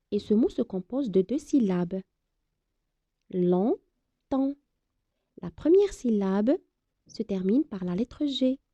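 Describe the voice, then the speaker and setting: Slow, clear-spoken woman teaching children. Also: a little high, dark tone, dull audio. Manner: slow, carefully articulated, encouraging teacher talk. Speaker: primary school teacher. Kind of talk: reading lesson for young children.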